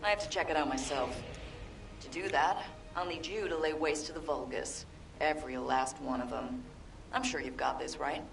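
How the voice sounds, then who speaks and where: Tough female field operative: low, commanding game voice heard from afar with music behind. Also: moderate pace, creaky, roomy sound, recorded from a distance, rough recording. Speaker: mission guide. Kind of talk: game dialogue.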